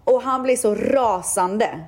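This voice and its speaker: A woman's voice: on the high side, animated, a little mellow. A young woman from Sweden chatting casually, animatedly retelling a story and quoting people.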